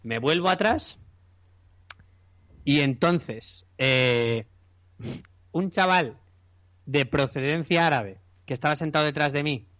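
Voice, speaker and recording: Young man, Spain Spanish accent, high voice, comic storytelling, dry dull recording. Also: slow, long pauses, no echo. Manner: animated, acts out the people in his story. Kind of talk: comic anecdote telling.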